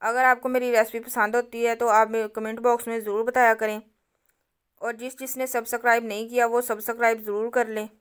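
This cooking channel host guides her audience through a home recipe step by step, addressing them directly with calm instruction. She talks fairly quickly in a smooth voice that sits a little high.

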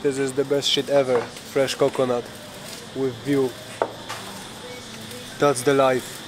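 Slow, easygoing vlogger man. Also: mid-range voice, background noise. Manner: relaxed, unpolished English, chatty tour-guide asides. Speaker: vlogger, channel owner. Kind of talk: casual travel vlog talk. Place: outdoors at a tourist site.

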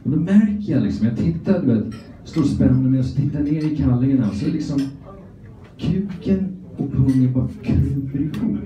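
A man's voice: medium pitch, lively intonation, mellow. Middle-aged Swedish male comic, rambling crude stand-up, taped from far back in a roomy club with faint background noise. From Sweden. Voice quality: talks out of one side of his mouth. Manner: crude, rambling, self-mocking. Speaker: stand-up comedian. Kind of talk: stand-up routine. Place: comedy club stage. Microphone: phone camera from the audience. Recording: echoey, distant, muffled phone recording.

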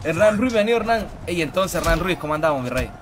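A young man streaming a fighting game live, hyping his plays and greeting viewers by name in an excitable, slangy way. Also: a little high, quick pace, background noise. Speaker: livestream gamer. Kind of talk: live gameplay commentary. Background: game music.

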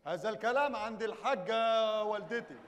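A man's voice: high-pitched, a little fast, fairly bright tone. An actor playing a pompous, hot-tempered militant emir in a live stage comedy, switching from stiff formal speech to angry street talk. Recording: stage mics in a hall, crowd.

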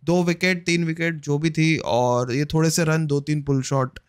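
A man's voice: a little high, steady tone, normal speed, smooth. A young man from India chatting casually to viewers while he plays a cricket video game, talking to the players on screen as he goes. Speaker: gaming streamer.

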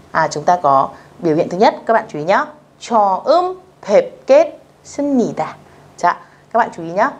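A woman teaching beginners a language lesson, speaking patiently, repeating phrases slowly and checking that her students follow along. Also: fairly low pitch, slightly rough, lo-fi sound.

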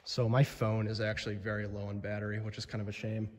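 A young man talks into a phone held at arm's length as he wanders a cold, dark quarry cavern. His voice sits slightly low and rings with a long echo off the stone walls. He rambles casually, full of "you know" and "like", openly amazed. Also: monotone, fast. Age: young adult. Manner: chatty, amazed, lots of fillers. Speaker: explorer vlogger. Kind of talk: casual exploring vlog.

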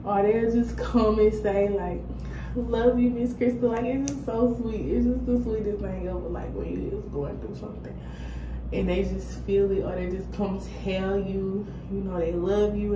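A young adult woman chatting casually to the camera as she vents, halting and reflective, at home. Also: medium pitch. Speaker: vlogger. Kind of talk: casual chat, venting to camera. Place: small room at home, indoors. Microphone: phone or laptop at arm's length. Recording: roomy echo, clear background noise.

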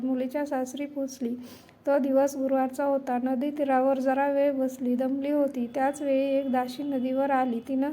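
A woman narrating a devotional story in a steady, measured storytelling manner. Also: sits high, slight background noise.

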